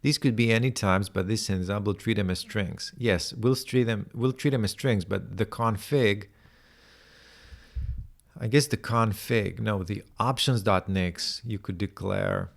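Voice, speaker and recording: A programming tutorial presenter with a lowish voice and vocal fry works through a coding tutorial at a measured pace. He thinks aloud, speaking hesitantly, muttering to himself and letting sentences trail off.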